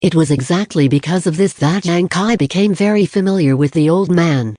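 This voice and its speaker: A narrator reading a fantasy novel aloud in a steady, plain storytelling manner. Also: mid-range voice, normal speed, no echo, clean studio sound. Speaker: audiobook narrator. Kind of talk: audiobook narration.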